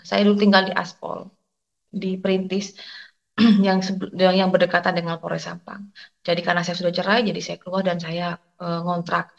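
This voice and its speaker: A middle-aged woman, telling her faith testimony in an emotional, halting way and addressing listeners directly. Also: fairly low pitch, creaky, lo-fi sound. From Indonesia. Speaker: testimony guest.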